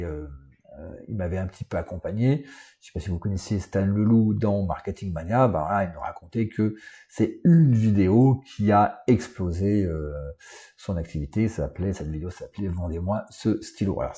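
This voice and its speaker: A man with a low, mellow voice teaches in a loose, conversational way. He fills his pauses with hesitations and keeps checking in with the listener. His sits easily in the plain talk of a coaching trainer. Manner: casual, many fillers like "euh" and "hein". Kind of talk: unscripted online lesson.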